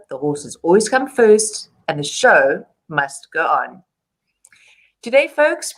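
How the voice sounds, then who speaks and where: Woman host, lowish voice, upbeat scripted delivery for a charity web show. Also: fairly bright tone. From South Africa. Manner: upbeat, reading a prepared script.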